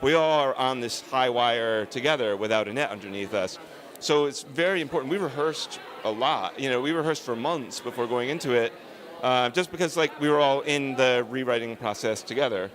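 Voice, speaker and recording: A man's voice: mid-range voice, moderate pace, a bit bright. A man, a film director, answering interview questions on a red carpet in an earnest, emphatic, discursive way.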